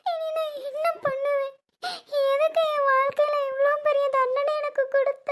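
A woman's voice: extremely high pitch, fairly even intonation, normal speed, a bit bright. A woman voicing a heartbroken young woman who talks in a weepy, pleading, self-pitying way. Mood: despairing.

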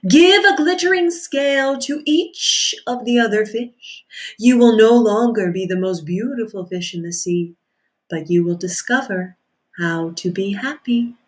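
A woman voicing a wise old female octopus in a deep, slow, solemn manner. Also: close to an everyday voice.

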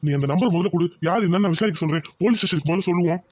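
A man's voice: high voice, racing, darkish tone, dry recording, studio quality. A man voicing a protective elder brother in a cartoon, firm and reassuring. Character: protective elder brother, village head of family. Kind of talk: cartoon voice acting.

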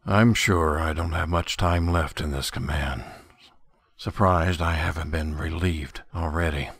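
A man voicing a grim, guilt-ridden older cartoon space commander, gravelly and brooding in a solemn dramatic monologue. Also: rumbling low, fairly even intonation, unhurried, fairly bright tone, exaggerated voice. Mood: grave regret. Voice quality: gravelly, raspy.

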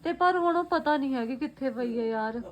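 A woman's voice: sits high, a little fast, a crowd in the background. A woman with an Indian Punjabi accent chatting casually in a home vlog, playful and doting, often repeating phrases as she coaxes her child. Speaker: family vlogger, mother. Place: at home, indoors.

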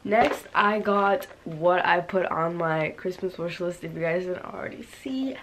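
A woman's voice: lowish voice, measured pace, slight background noise. A teenage girl in her bedroom, chatting in a casual haul vlog, bubbly and rambling with lots of fillers. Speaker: vlogger.

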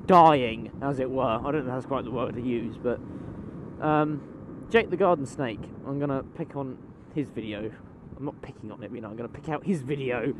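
Young guy vlogging from a motorbike. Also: fairly high pitch. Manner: chatty, swears casually, rambling with fillers. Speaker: motovlogger. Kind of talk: casual vlog while riding. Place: riding a motorbike at night on city roads. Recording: road and engine noise behind.

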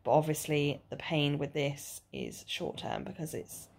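A woman's voice: deep voice, steady tone, a little slow, gravelly. A woman in her twenties talking casually to her video diary, tired and nauseous, speaking wearily with a sore jaw after dental surgery. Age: 20s. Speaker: vlogger. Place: small living room or bedroom at home.

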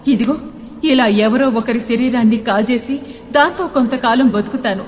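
A woman's voice: on the high side, normal speed, big-room sound, slight background noise, lightly acted. A woman voicing a cursed, undying female spirit who possesses bodies, menacing, laughing and wailing.

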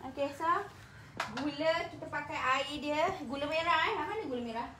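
A woman's voice: sits high, normal speed, background noise. A woman with a Malaysian accent, chatting through a cooking demo in her kitchen while telling personal stories, laughing often. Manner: talkative, laughs often, emotional storytelling. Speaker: cooking vlogger. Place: home kitchen.

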